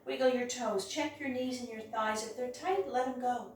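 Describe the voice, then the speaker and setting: A woman teaching a hatha yoga class, guiding each step in a careful, unhurried way. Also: fairly high pitch, slight background noise. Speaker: yoga instructor. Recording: very echoey room, distant mic, music.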